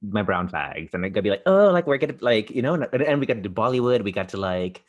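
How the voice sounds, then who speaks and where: A man's voice: sits low, expressive, fast talker, highs cut off. A man hosting a podcast in casual chat, telling stories eagerly and chattily. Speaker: podcast host.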